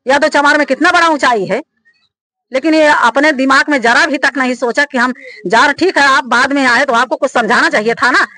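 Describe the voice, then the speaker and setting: A man's voice: very high-pitched, fairly quick, bright, forceful tone, no echo. A man making an impassioned, insistent complaint to a news reporter, repeatedly calling him sir. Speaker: local community member.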